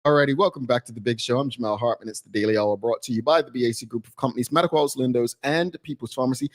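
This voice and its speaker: A man's voice: mid-range voice, very fast. A man hosts a talk show in a mid-range voice. He talks in an easygoing way, often restarting his sentences and filling gaps with ums. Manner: relaxed, stammering restarts, filler-heavy.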